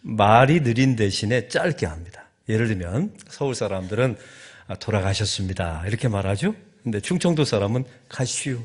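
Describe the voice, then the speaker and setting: A middle-aged man from Chungcheong with a Chungcheong Korean accent, preaching a lively, joking sermon as a guest pastor in a church. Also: fairly low pitch, brisk, breathy edge. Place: church sanctuary.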